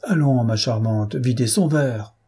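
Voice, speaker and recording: A man's voice: medium pitch, measured pace, a little mellow, slightly rough. A man reading aloud voices an arrogant, hot-tempered count who gives orders. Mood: commanding. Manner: commanding.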